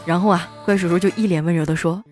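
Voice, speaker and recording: A woman hosting a comedy show, telling scripted joke stories in a lively way and putting on voices for the characters. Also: lowish voice, fast talker, soft background music. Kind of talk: scripted comic storytelling.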